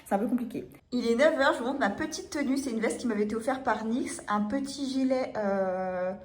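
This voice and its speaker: With a fairly high pitch and a slightly fast delivery, a young woman chats in a casual vlog, mocking herself and letting thoughts trail into hesitant asides. She holds the phone at arm's length while moving between apartment rooms and city streets; faint hum and echo color the audio.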